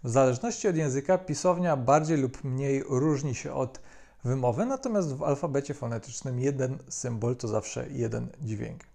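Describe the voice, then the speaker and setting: A man delivers a methodical video lesson in a calm, explanatory tone. His voice is dark and gravelly with a mellow edge. He often pauses on hesitation fillers between phrases. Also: medium pitch. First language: Polish. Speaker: language teacher.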